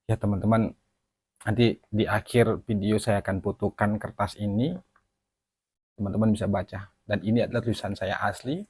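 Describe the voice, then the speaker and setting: A man giving an emotional personal testimony to his viewers, talking haltingly and apologizing for stumbling over his words. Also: fairly low pitch, fairly even intonation, darkish tone, husky, dry recording. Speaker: channel host.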